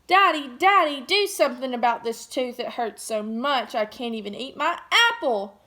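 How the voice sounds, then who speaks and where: A little boy with an aching loose tooth shouts and whines for help in a high, piercing voice, as a woman reading the picture book puts him on. He cries out for someone to fix it. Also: sing-song, normal speed, full character voice. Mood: yelling, whiny. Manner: yelling and whining.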